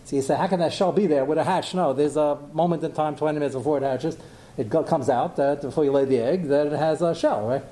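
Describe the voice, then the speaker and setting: A man's voice: on the high side, fast talker, dark tone. A man giving an informal Talmud lecture, explaining with rhetorical questions and asides and mixing Yiddish and Hebrew terms into his English. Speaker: rabbi teaching a Talmud class.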